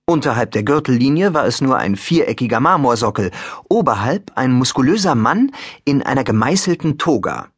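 A man narrating a youth fantasy audiobook in an expressive storytelling manner. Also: mid-range voice, brisk, slightly rough, no echo, studio quality. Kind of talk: scripted narration.

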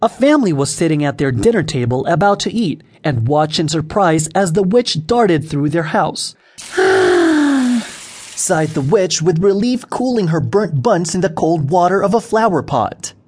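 A man narrating a children's audiobook in an expressive storytelling way. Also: fairly high pitch, moderate pace, few pauses.

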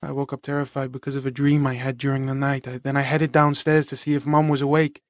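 An anxious young man presses and pleads in quick, raised bursts, as a male narrator puts him on. The storybook voice sits close and dry, with no room around it. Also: medium pitch, little pitch movement, dry recording, natural voice. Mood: shaken, hushed. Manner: urgent, pleading. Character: frightened young man, his friend.

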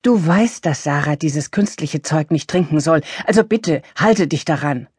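A woman reading an audiobook, voicing a strict, sharp-tongued young mother who scolds. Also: sits low, animated, measured pace, breathy edge, no echo, clean studio sound, full character voice. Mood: angry.

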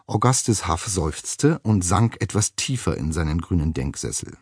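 A man reading an audiobook in a wry, expressive storytelling manner. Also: sits low, normal speed, slightly rough, dry recording, clean studio sound. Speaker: audiobook narrator. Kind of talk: scripted narration.

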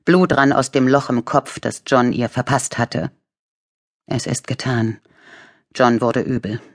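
A woman narrating a thriller audiobook in measured, tense storytelling. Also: extremely low pitch, steady tone. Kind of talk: scripted narration.

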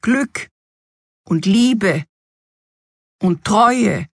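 A woman voicing an excitable, fussy fairy-tale king in a storybook reading, with an exuberant, exclamatory manner. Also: medium pitch, very slow, creaky, slightly rough, no room sound, studio quality, pitched above the performer's own voice, full character voice.

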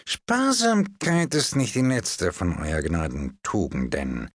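A man voicing a slow, ingratiating male palm reader in an audiobook. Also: deep voice, wildly swooping pitch, no echo, studio quality, heavily acted. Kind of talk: audiobook character voice.

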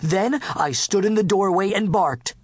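A man narrating a children's picture book in first person as a dog, playful and expressive. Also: high-pitched, a little slow, husky, no room sound. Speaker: audiobook narrator.

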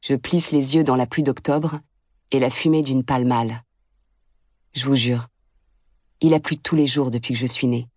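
A woman's voice: extremely low pitch, steady tone, moderate pace, pauses often, a little mellow, no room sound, studio quality. A woman reading an audiobook as a blunt, sardonic first-person narrator.

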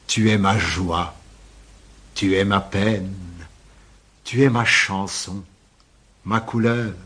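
An older man recites his own poems with great slowness, lingering on each line in a measured, lilting rhythm. His voice is husky and sits fairly low. He gives every verse a gentle, deliberate weight. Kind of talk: poetry recitation.

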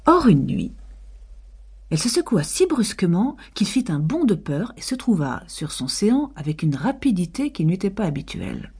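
A woman narrating a classic tale as an audiobook reader, in a husky, measured and expressive voice. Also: on the low side. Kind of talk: scripted literary narration.

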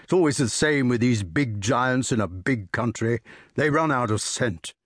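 Male narrator as ponderous old storybook knight, measured, varied pitch. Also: animated, fairly bright tone, no echo, studio quality. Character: slow, solemn older male knight guest.

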